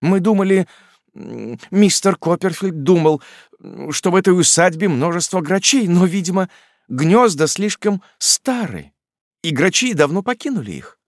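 A man voicing a frail, timid young widowed mother in an audiobook, speaking softly, hesitantly and with a tremble. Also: sits high, animated, normal speed, no room sound, clean studio sound, pitched above the performer's own voice.

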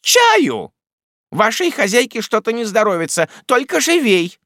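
A man voicing a stern, imperious elderly aunt in an audiobook, speaking in a high, clipped, scolding and impatient way. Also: big pitch swings, unhurried, a bit bright, no room sound, studio quality, heavily acted. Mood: commanding. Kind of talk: audiobook character reading.

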